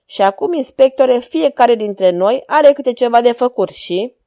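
A woman voicing a calm, self-assured male detective who speaks in measured, firm sentences while reading a story aloud. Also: fairly high pitch, no echo. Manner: measured, confident, firm commands.

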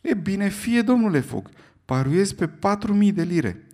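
A man voicing an excitable, easily offended English club gentleman who speaks in a raised, exclamatory way in an audiobook reading. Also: high-pitched, voice pushed up, heavily acted. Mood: indignant.

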